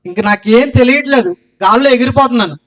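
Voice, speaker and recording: High-voiced man giving an earnest testimony. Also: quick pace. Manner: earnest storytelling, loud cries of Jesus' name. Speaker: testimony speaker.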